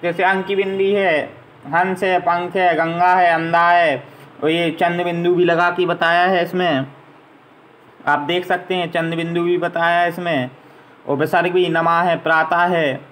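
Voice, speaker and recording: A man's voice: high-pitched, level tone, unhurried, a bit bright, poor audio. A man teaching a grammar lesson to young children, patiently spelling out letters and vowel signs one at a time.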